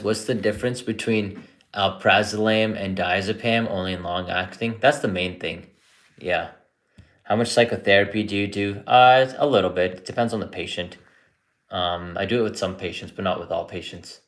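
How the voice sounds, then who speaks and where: A man in his thirties talks casually through a live-stream Q&A as a psychiatrist, relaxed and chatty, restarting his sentences often. His voice sits fairly low. The room around him is echoey. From born in India, grew up in Canada. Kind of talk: casual live-stream chat answering viewer questions.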